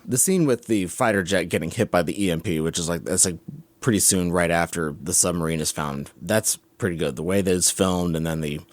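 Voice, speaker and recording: A man with a very low, deep voice co-hosts a casual podcast chat. He speaks in a measured, halting way and sometimes restarts his sentences. The sound is dry and close to the mic. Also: no room sound. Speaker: podcast co-host. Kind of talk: casual chat about films.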